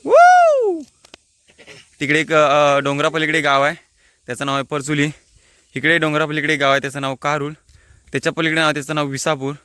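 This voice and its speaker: On a hilltop next to a water tank, a Konkan man chats into his phone for a walking vlog, unpacking local words in Konkani-flavored Marathi. His high-leaning voice is fast, level, bright, forceful and smooth, with no echo.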